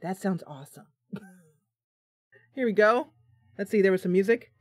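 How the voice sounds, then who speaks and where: A tired woman streams live from her home computer, chatting casually and giggling at her own slip-ups in a self-deprecating way. Her mid-range voice has lively intonation at a moderate pace, recorded dry with studio quality.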